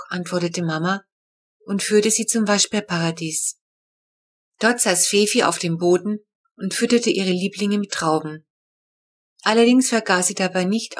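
Woman reading a storybook chapter. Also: medium pitch. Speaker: audiobook narrator. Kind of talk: storybook narration.

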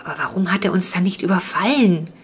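A woman's voice: lowish voice, fast, breathy edge. A woman reading a storybook, voicing a curious, wary young boy who asks eager questions. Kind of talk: audiobook reading.

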